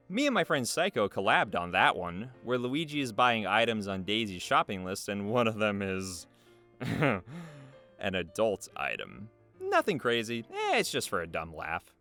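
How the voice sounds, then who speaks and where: Speaking in a mid-range voice that's bright and forceful, a man narrates a casual scripted interview, reading both questions and answers with a jokey, playful air. Video game music plays in the background.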